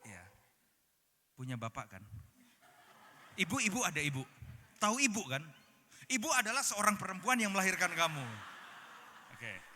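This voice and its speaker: A man's voice: sits high, big pitch swings, normal speed, long pauses, pushed and bright, slight background noise. A male pastor giving an interactive sermon at a conference, playfully quizzing the congregation with questions. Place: large conference hall. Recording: reverberant hall with background music.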